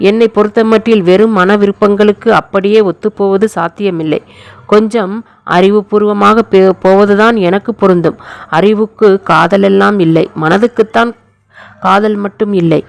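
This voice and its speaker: A storyteller reading the lines of a frank, thoughtful young woman who speaks softly and reasons carefully. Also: medium pitch, fairly even intonation, normal speed, vocal fry, no room sound, close to an everyday voice. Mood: earnest. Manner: soft, reasoned, gently persuasive.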